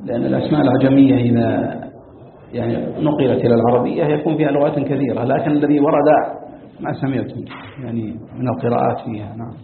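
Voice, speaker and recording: A man's voice: mid-range voice, fairly even intonation, fast, vocal fry, a little hiss or hum. A man, teaching as a sheikh. He explains as he goes, breaking off and repeating himself. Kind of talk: commentary in a study lesson. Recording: tinny, echoey lo-fi recording.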